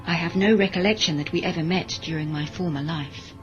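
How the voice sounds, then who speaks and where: A woman plays an emotionless, modified cyborg servant in a science fiction audio drama, speaking formally, precisely and deferentially with a flat, detached mood. Her fairly low voice is brisk and close to how she'd normally talk. The lo-fi recording is dull, with music behind her.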